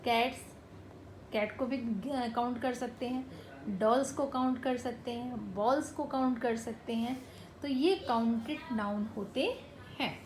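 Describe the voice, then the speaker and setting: Echoey higher-voiced woman teaching grammar. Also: unhurried. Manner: explains step by step, mixing English terms into Hindi, with frequent "right?" checks. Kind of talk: classroom grammar lesson. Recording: echoey room with faint ambient noise.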